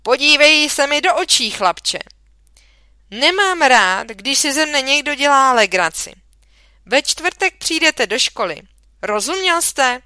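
A woman voicing a stern, angry male schoolteacher who scolds loudly, in a storybook reading. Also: medium pitch, steady tone, hardly any pauses, clean tone, no echo, close to an everyday voice. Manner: shouting, scolding.

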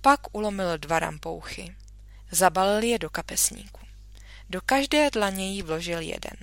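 A woman teacher reading a children's book aloud to her pupils, gentle and soft-spoken, recorded from home. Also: lowish voice, gravelly, no echo.

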